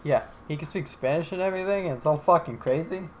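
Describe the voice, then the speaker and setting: Young guy from alabama, kinda high voice, jokey and sweary, faint hiss behind. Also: fast. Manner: joking, swears freely, rambling. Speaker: podcast co-host. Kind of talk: casual chat.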